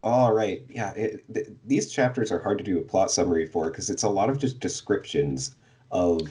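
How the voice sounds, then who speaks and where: Here the man's voice sits low with a dark tone, moving at normal speed. As a podcast co-host giving a book's plot summary in casual talk, he hesitates often, using many fillers and little laughs.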